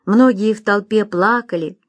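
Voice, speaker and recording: A woman narrating a storybook in an even, measured reading. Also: mid-range voice, no echo. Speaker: audiobook narrator. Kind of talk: scripted narration.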